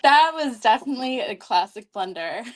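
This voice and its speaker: A woman's voice: a little high, lively intonation, normal speed. A woman player in casual chat on a tabletop game stream, friendly, a bit sheepish, laughing easily.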